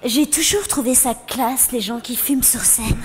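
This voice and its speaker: A woman's voice: fairly high pitch, normal speed. A woman in her forties performing crude, exasperated stand-up comedy on a concert hall stage into a handheld mic. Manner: brash, crude, exasperated rants. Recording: noisy live theater recording.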